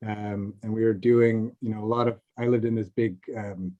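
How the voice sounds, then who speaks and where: Relaxed, rambling middle-aged man on a call. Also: on the low side, moderate pace. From Seattle, USA. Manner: relaxed, rambling with many fillers. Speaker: film composer guest. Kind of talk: casual video-call chat. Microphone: video call. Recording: dull lo-fi call audio.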